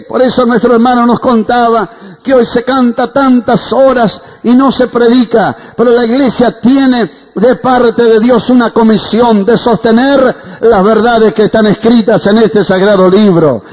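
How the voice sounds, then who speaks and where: High-pitched preaching pastor, reverberant hall. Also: male voice, steady tone, measured pace, darkish tone. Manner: preaching fervently, asks for amens. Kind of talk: sermon.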